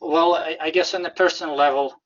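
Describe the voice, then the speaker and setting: A man with a Russian accent answering interview questions in a halting, careful way, often repeating words as he searches for phrasing. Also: fairly high pitch, fairly even intonation, fairly bright tone, highs cut off. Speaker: interview guest, whistleblower. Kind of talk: conversational interview.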